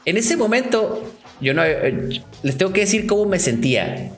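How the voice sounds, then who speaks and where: Young man, Mexican accent, casual storytime, animated, slangy, slightly high voice. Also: normal speed, faint music behind. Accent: Mexican Spanish. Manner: animated, chatty, lots of restarts and slang.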